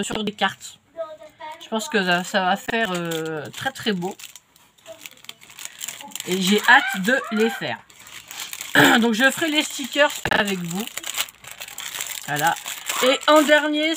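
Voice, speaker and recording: Unboxing craft kits, this woman vlogger talks in a chatty way, restarting often and leaning on fillers. She has a French accent, a nose stuffed up from a cold, and a mid-range voice set against background noise.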